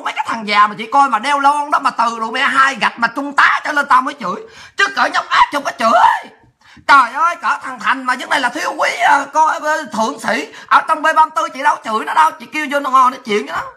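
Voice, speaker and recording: Brash fast-talking woman. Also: sits high. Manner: brash, profane, laughs and shouts often. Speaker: political livestreamer. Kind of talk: ranting monologue.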